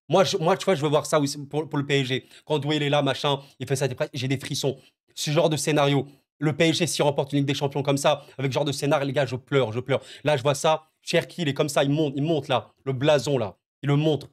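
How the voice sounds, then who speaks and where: Man, somewhat high voice, football reaction vlogger; agitated, stammers, emotional asides to the viewers. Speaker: football YouTuber. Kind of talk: excited football reaction vlog.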